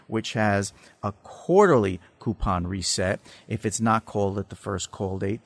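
A man giving explanatory market commentary as a guest analyst, technical and measured, with some hesitancy. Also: fairly low pitch. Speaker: financial research analyst guest. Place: studio.

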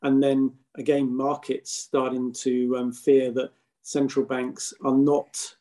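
Mellow, even-toned man explaining as a guest. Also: mid-range voice. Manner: hesitant, measured explaining with long winding sentences. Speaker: guest investment expert. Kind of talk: podcast interview commentary.

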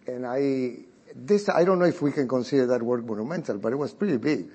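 A man from Argentina, an art collector telling a story on a panel, often pausing with "uh" and restarting phrases. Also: medium pitch, animated, dark tone, slightly rough. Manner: hesitant, restarting phrases with frequent "uh". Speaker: private art collector, guest.

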